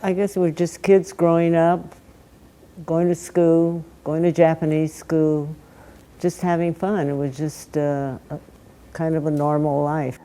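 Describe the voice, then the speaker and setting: Elder from Los Angeles, gravelly, mellow, reflective, faint music. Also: mid-range voice, flat delivery, unhurried, low-quality recording. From Los Angeles, USA. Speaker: interviewee.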